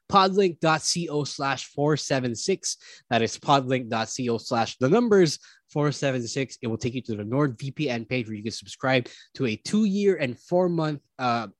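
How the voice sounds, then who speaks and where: Mid-pitched man, dry sound. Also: no echo. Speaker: podcast co-host. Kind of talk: informal sponsor read and chat.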